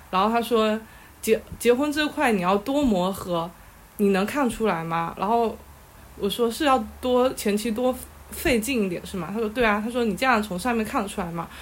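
A woman guest on a casual chat show, telling a story in an animated, exasperated way and often breaking into laughter. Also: mid-range voice, a little fast, slight background noise. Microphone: live audio chat app.

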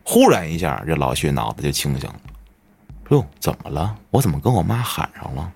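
Guy telling a ghost story, husky lowish voice, swings all over the place, music under it. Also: sing-song, fairly quick, darkish tone. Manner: colloquial storyteller, swears often, dramatic swings in pitch. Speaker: podcast host.

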